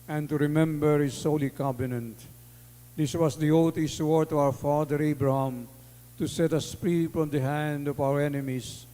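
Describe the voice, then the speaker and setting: Male priest, Filipino accent, solemn and unhurried, fairly high voice, heard in a long cathedral echo. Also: dark tone. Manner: solemn, measured. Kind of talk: liturgical Gospel reading and homily. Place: large reverberant church.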